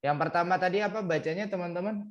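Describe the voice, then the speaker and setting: A man's voice: high-pitched, fairly even intonation, quick pace, dull audio, heavy background noise. A male English tutor giving an online vocabulary lesson, drilling each word by repeating it and mixing English phrases into his teaching talk.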